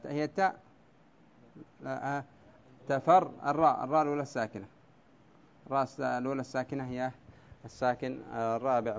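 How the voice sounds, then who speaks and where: A male teacher in a classroom, going over poetic meter at the board, drawing words out slowly syllable by syllable and calling on students by name. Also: medium pitch, dull audio. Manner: quizzes students by name, brief praise. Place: classroom with a blackboard.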